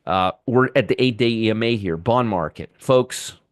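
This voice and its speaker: A man's voice: lowish voice, normal speed, no echo, studio quality. A middle-aged man hosting a live trading show, giving market commentary and answering chat viewers by name, often repeating himself.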